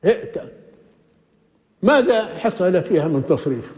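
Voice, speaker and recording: A man's voice: high-pitched, big pitch swings, normal speed, darkish tone. An older man, a sheikh, teaching a classroom grammar lesson, patiently asking and answering his own questions and repeating words as he thinks. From Libya. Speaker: sheikh teaching Quranic exegesis. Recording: dull lo-fi recording with long hall reverb.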